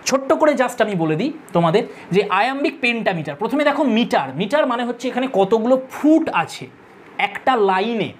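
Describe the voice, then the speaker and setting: A woman's voice: on the high side, big pitch swings, a little fast, slight background noise. A woman with a Bengali accent teaches a literature lesson for exam students, explaining step by step, counting aloud and repeating key terms.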